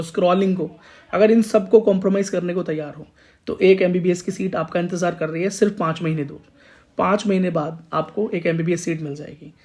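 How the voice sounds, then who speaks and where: A man's voice: high-pitched, darkish tone. A man teaching exam coaching, giving motivational study advice in an urging, repetitive way and calling his students "beta". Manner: exhorting, repeats lines, calls students "beta".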